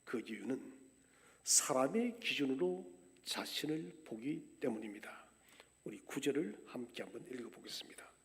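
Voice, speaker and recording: A man preaching a sermon as pastor, dramatically voicing the people's complaints and swinging between hushed lines and loud outbursts. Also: medium pitch, expressive, normal speed, vocal fry. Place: church sanctuary. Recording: long church-hall reverb.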